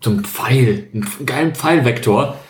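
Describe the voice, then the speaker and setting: A man co-hosting a loose podcast chat, picking things apart with dry sarcasm. His pitch is average for a man. The recording has a noticeable room echo. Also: moderate pace. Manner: sarcastic, critical. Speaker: podcast co-host. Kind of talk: casual chat. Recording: echoey room.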